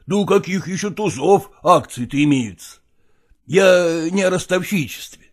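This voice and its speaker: A man playing a pragmatic older merchant father who coaxes his daughter in a dramatized reading, with a husky, gravelly voice and folksy persuasion. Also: high voice, lively intonation, normal speed. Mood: coaxing.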